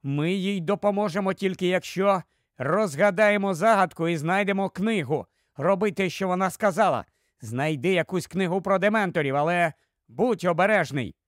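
A man's voice: sits high, normal speed, no room sound, clean studio sound, natural voice. A man doing a flustered teen wizard boy. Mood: urgent. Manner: flustered and fretful. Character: anxious clever teenage wizard boy.

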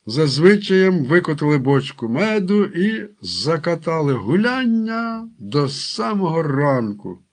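A man narrates a storybook tale at an easy pace. His voice sits a little higher than most men's, and he gives the characters a light touch of their own voices when they speak. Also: big pitch swings, takes it slowly. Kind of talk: audiobook narration with character quotes.

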